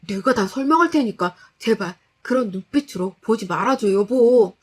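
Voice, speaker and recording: A woman voicing an unsettling young married man who pleads and apologizes in a slow, coaxing way. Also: on the high side, lively intonation, breathy edge. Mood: pleading.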